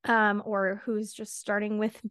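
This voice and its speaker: A woman hosting a casual solo podcast, chatty and quick, a little out of breath, laughing between words. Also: mid-range voice, completely flat delivery, a bit bright, clean tone, dry recording, clean studio sound. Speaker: podcast host.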